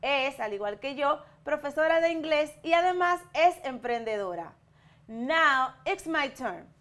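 A Dominican woman in her thirties teaches English to schoolchildren in a televised lesson, speaking with a Dominican Spanish accent. She talks very slowly and clearly, with a slightly high voice. She models each sentence so students can repeat it. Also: animated, a bit bright. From Dominican Republic. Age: 30s. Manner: slow, clear bilingual explaining, modelling words for repetition.

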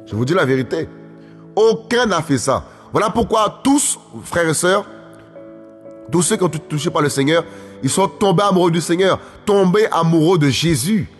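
Delivering an emphatic sermon at normal speed, a man with a fairly high voice and lively intonation keeps repeating phrases and calling out to his audience. The recording carries faint music and a long hall reverb.

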